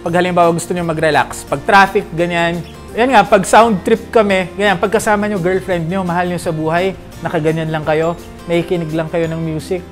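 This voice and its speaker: Faint music accompanies a relaxed perfume review vlog by a Filipino man whose voice sits high and whose pace is a little fast. He keeps checking in with viewers, sprinkling in tag questions and lively, joking asides as he chats.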